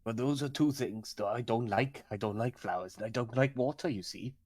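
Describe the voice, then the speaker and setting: A man's voice: medium pitch, a little fast, a little mellow, no room sound, studio quality, close to an everyday voice. A man voicing a big, dim-witted male orc with a Welsh accent, blunt and rambling. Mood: puzzled. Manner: blunt, rambling, puzzled questions.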